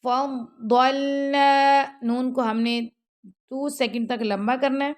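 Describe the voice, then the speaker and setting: A woman's voice: on the high side, steady tone. Woman teaching Quran recitation. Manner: slow drawn-out chanted recitation alternating with quick spoken explanation. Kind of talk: tajweed recitation lesson.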